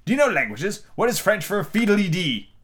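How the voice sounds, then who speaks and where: A haughty storybook queen, as a man puts her on, pitched high and swooping with emphasis. She is imperious and argumentative, snapping out rules as scoldings. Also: sing-song, normal speed, a bit bright, husky, heavily acted.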